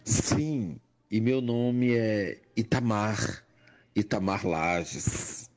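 An older man with a Pernambuco accent, a nurse and educator, giving a slow, measured personal testimony that rises in emphasis on key points. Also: on the low side, a little mellow. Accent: Pernambuco Portuguese. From Brazil, Pernambuco.

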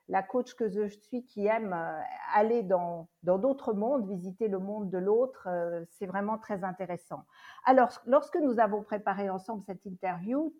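A woman hosting a podcast interview as a coach, speaking in a measured way with small hesitations. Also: medium pitch, a little mellow. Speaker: host and coach. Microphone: remote interview recording.

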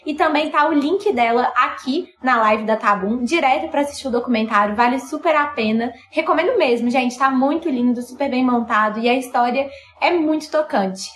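A woman's voice: high voice, moderate pace, fairly bright tone, roomy sound. A woman hosting a live stream, wrapping up upbeat and recommending links, over a video call. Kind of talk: casual live-stream chat.

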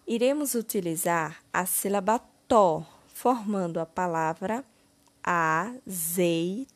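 A woman teacher with a Brazilian Portuguese accent going through a children's exercise, stretching each word slowly and clearly. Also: mid-range voice, animated, a little mellow. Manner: slow, deliberate, syllable-by-syllable word stretching. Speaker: primary school teacher. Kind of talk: slow, clear lesson narration.

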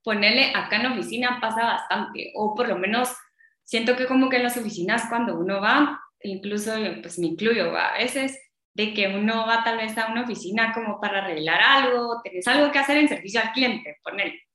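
A chatty woman with a Guatemalan Spanish accent, talking in a bright, forceful voice. Her words bounce around an echoey room, and she keeps checking in with her listener as she goes. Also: a little high, a little fast. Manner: chatty, tags phrases with "¿va?" and laughs often. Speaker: podcast co-host. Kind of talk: casual chat.

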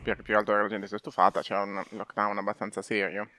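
A man's voice: fairly low pitch, level tone, quick pace, pushed and bright, no echo. Rambling man in a dry-sounding podcast chat. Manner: rambling, self-interrupting. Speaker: football podcast co-host. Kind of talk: casual chat.

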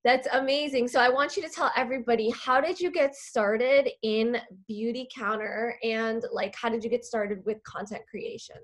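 A woman's voice: fairly high pitch, normal speed, few pauses. A woman hosting a podcast, interviewing a guest with lots of enthusiasm. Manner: enthusiastic, gushing. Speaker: podcast host. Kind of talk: casual interview chat.

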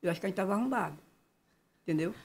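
A man's voice: high-pitched, animated, rapid-fire, gravelly, breathy edge. A man in casual, opinionated chat, repeating his phrases for emphasis.

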